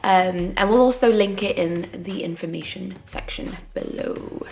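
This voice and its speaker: Brief: young woman vlogger, bubbly and playful, slightly gravelly fry, faint music underneath. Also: lowish voice, unhurried, darkish tone. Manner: bubbly and playful, makes silly sound effects. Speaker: singer and vlogger. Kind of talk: casual Q&A vlog.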